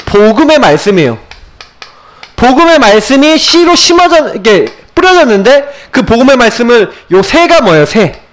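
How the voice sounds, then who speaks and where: A man's voice: very high-pitched, very animated, moderate pace. A male pastor giving a sermon to children, asking questions and answering them himself. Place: church.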